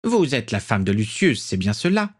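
A man's voice: on the low side, big pitch swings, normal speed, husky. A man voicing a haughty, imperious old aristocratic witch in an audiobook. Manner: imperious, condescending.

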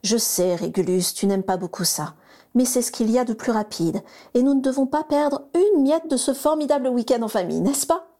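A woman voicing a cheerful, affectionate mother who gently coaxes her children in a storybook reading. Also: a little high, animated, moderate pace, voice pushed up. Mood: cheerful coaxing.

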